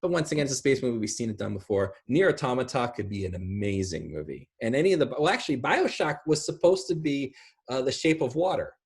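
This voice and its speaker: On a video call from his home, sitting back from the computer, a man in his thirties talks casually about films. His medium-pitched, slightly rough voice has vocal fry, lively intonation, and a quick pace as he rambles emphatically.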